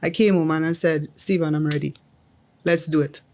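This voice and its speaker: Her voice is deep and steady at a normal speed as this young adult Caribbean woman chats as a guest in a casual interview, with a crowd audible behind her. She often starts her sentences over, using "um" and repeating words.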